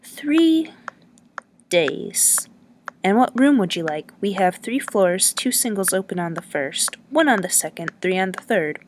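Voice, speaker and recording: A woman's voice: mid-range voice, expressive, measured pace, a little hiss or hum, close to an everyday voice. A woman reading the lines of a chatty, teasing male lodging-house keeper who rambles in a folksy way.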